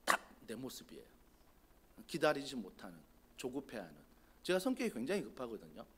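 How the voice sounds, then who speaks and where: A man's voice: mid-range voice, sing-song, a little fast, husky. A man preaching a sermon as a pastor, asking rhetorical questions and acting out quoted prayers. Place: church sanctuary.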